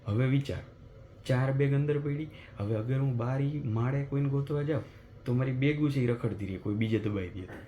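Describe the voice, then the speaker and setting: A man, telling a story in a casual vlog. He talks at a mid pitch, in an animated, conversational way. A faint hiss of room noise sits under his voice. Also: a little fast, muffled recording. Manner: animated retelling of a mishap, chatty and conversational. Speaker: vlogger. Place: apartment at night.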